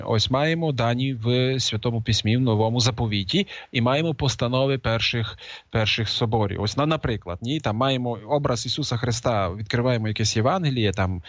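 A man lectures without a script, stopping often to fill gaps with hesitant sounds and restart his sentences. His voice sits at an ordinary middle pitch. The recording is dull and lo-fi, with a dry sound and no room echo. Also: animated, moderate pace, creaky. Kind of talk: unscripted lecture.

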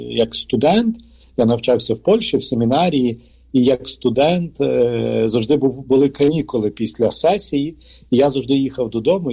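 Ukrainian-born male priest, mellow husky voice, halting interview talk full of fillers. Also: mid-range voice. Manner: hesitant, frequent filler sounds and restarts. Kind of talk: conversational interview answer.

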